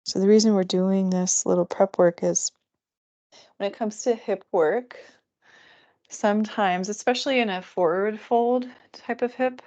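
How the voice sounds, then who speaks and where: A woman teaching a restorative yoga class, calmly counting breaths and giving relaxed, chatty cues. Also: medium pitch, a little slow, highs cut off.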